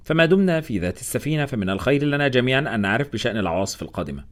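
A man's voice: medium pitch, very animated, rapid-fire, voice pushed up, natural voice. A man voicing a thoughtful, wry expedition member in an audiobook. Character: Nazir, a thoughtful male Malaysian expedition member.

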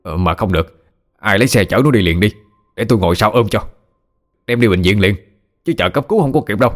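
Man doing a flustered middle-aged villager, urgent, stumbling, low voice. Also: expressive, fast, lightly acted.

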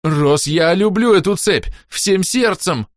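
A man's voice: high voice, animated, slow, dry recording, clean studio sound, voice pushed up. A man voicing a cowardly, sneaky male shadow spy who pleads and fawns in panic, in an audiobook. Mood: panicked.

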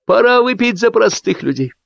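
A man voicing a pushy middle-aged party host who gives loud, drawn-out toasts. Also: high voice, lively intonation, vocal fry, dry recording, lo-fi sound, voice pushed up, heavily acted. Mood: toasting.

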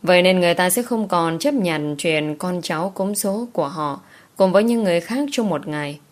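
A woman narrating a romance novel as an audiobook in an even storytelling manner. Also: fairly low pitch, a little fast.

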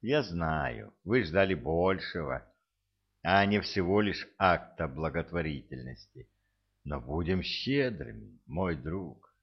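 A man's voice: low voice, expressive, slow pace, vocal fry, husky, lo-fi sound, heavily acted. A man voicing a courteous elderly male professor who speaks in a soothing, placating way.

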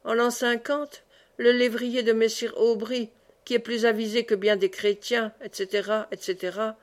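A woman reading a classic novel aloud as an audiobook, expressive in the dialogue. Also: a little high, unhurried. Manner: expressive, raises voice for cries. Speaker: audiobook reader.

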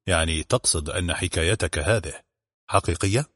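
A man's voice: low-pitched, moderate pace, a bit bright, slightly rough, no echo, clean studio sound. A man reading the part of a sarcastic male police officer who talks in a blunt, mocking, offhand way. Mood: dry teasing.

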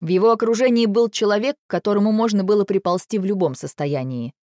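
A woman narrating an audiobook in a steady, measured way. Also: medium pitch, dry recording, studio quality. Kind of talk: audiobook reading.

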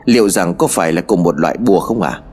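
Man voicing troubled middle-aged father, earnest, sighing, low, husky. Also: expressive, fast talker, a little mellow.

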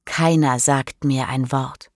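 Slow, clear woman narrating a reader. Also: extremely low pitch, steady tone, no room sound, clean studio sound. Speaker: audiobook narrator. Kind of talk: scripted narration of a graded reader.

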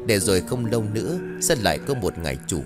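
A man narrating a scripted horror story, telling it in a lively way with dramatic swings in his voice. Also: lowish voice, quick pace. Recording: dry close mic with faint music bed.

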